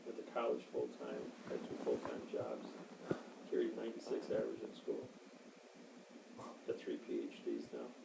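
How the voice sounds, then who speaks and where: A man in his sixties with a gravelly voice, rambling and boasting in a casual interview. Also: a bass voice, very animated, normal speed, long pauses. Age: 60s. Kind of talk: casual chat. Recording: echoey, distant, noisy amateur recording.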